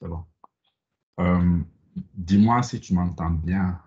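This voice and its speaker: A man from Mali, a company CEO, presents a business webinar over a video call from a home or office in Canada. His deep, warm voice moves slowly, and he hesitates often with fillers and restarts. The video-call microphone gives a muffled sound.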